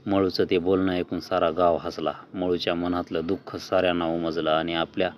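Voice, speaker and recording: Low-voiced male storyteller. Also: muffled recording, a little hiss or hum. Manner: steady measured reading. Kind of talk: reading a short story aloud.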